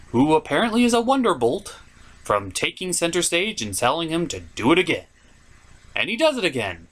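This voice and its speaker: Voicing a showy gentleman puppet host, a performer works through a scripted cartoon review in a mid-range voice, leaning on dramatic pauses and pretend outrage.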